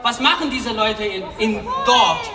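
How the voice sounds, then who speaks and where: A man in his thirties from Afghanistan, speaking with an Afghan accent, giving an earnest rally speech from a lectern with halting fillers. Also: sits high, lively intonation, over a noisy crowd, very noisy. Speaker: refugee rights speaker. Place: outdoor stage at a large rally. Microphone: lectern mic on a stand. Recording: distant PA sound echoing outdoors.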